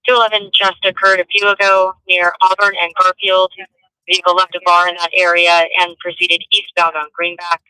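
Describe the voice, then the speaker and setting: A man dispatching over a police radio scanner, reading out an alert in a steady, clipped way. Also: high voice, fairly quick, smooth, no room sound, rough recording.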